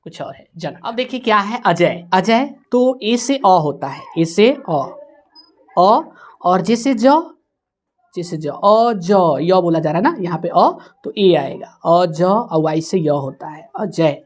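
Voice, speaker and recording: Slow, deliberate woman teaching spelling. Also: fairly low pitch, lively intonation, a little mellow. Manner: slow, spells words letter by letter. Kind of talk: spelling lesson for students.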